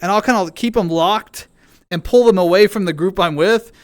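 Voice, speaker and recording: Smooth high-voiced young man chatting. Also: moderate pace, dry recording. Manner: rambling, chatty, frequent restarts and fillers. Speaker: streamer. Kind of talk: casual chat with stream viewers.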